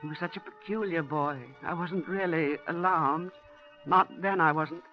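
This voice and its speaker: An actress narrates and stars as a terrified, kindly widowed mother of two servicemen in a 1940s radio drama, heard through a muffled broadcast with faint music. Her lowish, natural voice holds fairly even intonation at normal speed, a hushed, genteel, motherly recollection that turns frantic.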